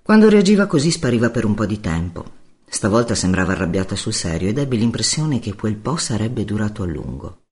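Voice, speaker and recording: A male narrator reads a first-person novel aloud, his voice moving up and down in lively swings. He tells it wryly and laconically, with dry understatement. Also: lowish voice, fairly quick. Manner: wry, laconic storytelling.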